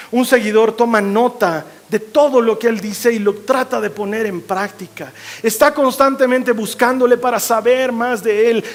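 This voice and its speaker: High-voiced pastor preaching. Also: male voice. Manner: expressive preaching, swinging from loud to hushed. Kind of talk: sermon.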